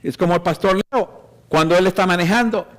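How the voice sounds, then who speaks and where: Pastor, man, high voice, emphatic sermon delivery, church hall reverb. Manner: slow, emphatic preaching with rhetorical questions.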